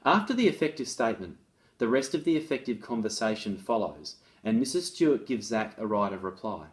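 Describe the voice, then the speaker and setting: Very animated and a little fast, this fairly low male voice belongs to an education author who presents on restorative practices in schools. He reads a case study aloud and unpacks it in a chatty, instructive way.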